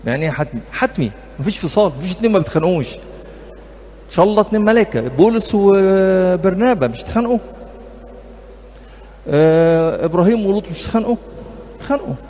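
Speaking directly to couples at church, a middle-aged Egyptian-accented marriage counselor mixes humor with anecdotes. His high-pitched, warm voice has lively intonation and a fast delivery broken by long pauses. The recording has hall reverb and faint background noise.

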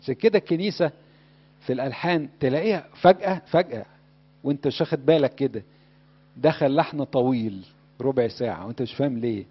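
A man's voice: medium pitch, fast talker, slightly rough. A man with an Egyptian Arabic accent preaching a sermon in a conversational way, often putting questions to his listeners. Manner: conversational, asks the audience questions. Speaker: Coptic preacher. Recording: dull lo-fi recording.

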